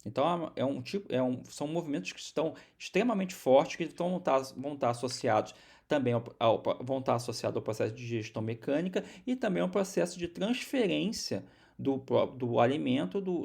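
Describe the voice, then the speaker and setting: A man's voice: fairly high pitch, animated, fairly quick, vocal fry, a little mellow, husky. A man from Brazil giving a recorded university biology lecture, explaining step by step with many restarts and repeated words.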